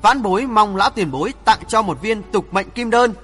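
Brief: male reader doing a steady young swordsman, firm and respectful, bright husky tone, reverb behind. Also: high voice, moderate pace, soft background music, exaggerated voice. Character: bold, polite young man swordsman.

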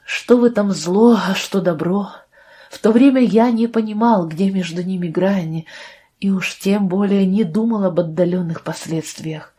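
A woman reading the part of a remorseful male doctor who confesses in a hushed, halting way. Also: mid-range voice, breathy edge, lightly acted. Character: remorseful male doctor, quiet and guilt-ridden.

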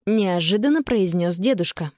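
Lively woman narrating a children's story. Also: medium pitch, moderate pace. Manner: lively expressive reading with voiced characters.

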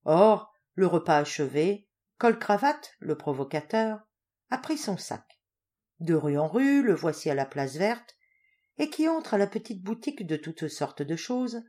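Expressive woman reading a tale aloud. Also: mid-range voice, unhurried. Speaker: audiobook reader. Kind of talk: literary narration.

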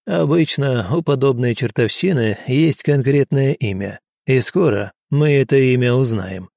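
A man voicing a blunt, grim male commander who speaks quietly and in measured words. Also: mid-range voice, vocal fry, no room sound, clean studio sound. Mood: quiet resolve.

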